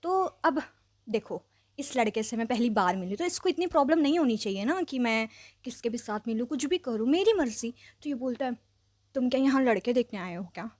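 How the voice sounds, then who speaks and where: A young woman telling a personal story in a chatty, animated vlog style, dropping English phrases in and leaning on fillers. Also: fairly high pitch, fairly quick, dry recording. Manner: mixes English phrases into speech. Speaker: vlogger. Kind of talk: casual storytelling.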